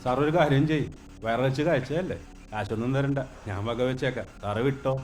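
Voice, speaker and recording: An actor playing a smug middle-aged restaurant owner who needles a customer with sly, mocking politeness, in a film scene with faint music. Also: male voice, medium pitch, fairly quick, darkish tone, a little hiss or hum, close to an everyday voice.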